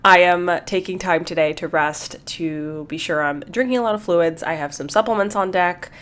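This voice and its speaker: A woman's voice: lowish voice, moderate pace, fairly bright tone. A woman hosting her own podcast in casual solo talk, a little congested, chatty and repeating words as she thinks. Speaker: podcast host.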